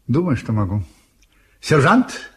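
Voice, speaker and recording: An actor playing a brilliant, theatrical detective in a radio play, courteous and commanding with a teasing superiority. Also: male voice, mid-range voice, very animated, takes it slowly, husky, exaggerated voice. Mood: confident, teasing.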